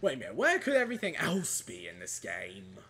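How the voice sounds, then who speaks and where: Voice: medium pitch, fairly quick. A let's play gamer giving casual gameplay commentary, joking and talking back at the enemies on screen. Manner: animated, jokey, talks back at enemies. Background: game music.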